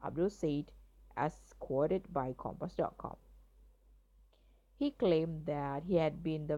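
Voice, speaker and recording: A woman's voice: fairly low pitch, creaky, dark tone, dull audio. A woman with an Indonesian accent reads a news article aloud, carefully and with the odd stumble.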